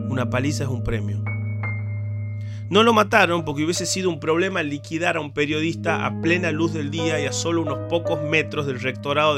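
A man hosting and narrating a documentary podcast in a measured, grave storytelling tone. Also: a little high. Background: guitar music.

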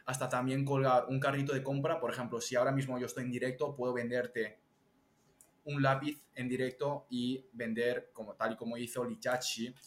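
A young man from Spain, a TikTok strategist, chatting as an interview guest and explaining things lively with examples. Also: mid-range voice, fairly quick, slight background noise. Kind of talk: casual interview chat. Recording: echoey room.

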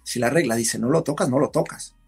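A man, a podcast guest, telling a story in casual conversation, animated and acting out what others said. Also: medium pitch, fairly quick, creaky, husky, faint music behind. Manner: animated storyteller, acts out shouted quotes.

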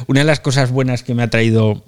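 A man's voice: mid-range voice, steady tone, normal speed. Chatty self-mocking Spanish man hosting. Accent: Spain Spanish. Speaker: podcast host. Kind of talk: casual live audio chat. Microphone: phone mic.

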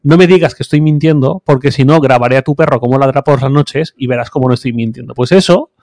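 A man's voice: medium pitch, quick pace, a little mellow, no room sound, studio quality. A man chatting casually on a podcast, hesitant with many fillers.

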